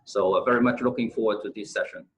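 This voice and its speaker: A man's voice: on the low side, steady tone, fast, rough recording. A man who works as a government investment promotion official, giving a brief, polite introduction on a webinar panel.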